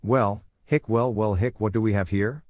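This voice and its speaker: Hiccuping drunk bully, as a male narrator puts him on, whiny and taunting, lowish voice, dry sound. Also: steady tone, normal speed, darkish tone, no room sound, lightly acted. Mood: drunken taunting.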